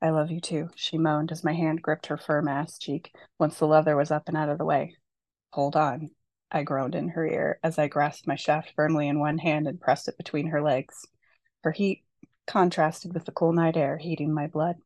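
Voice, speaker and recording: A woman with a notably low voice reads from her own novel. Her delivery is steady and unhurried, with a little extra weight on the dialogue. The recording is close and dry. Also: no room sound. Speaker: author.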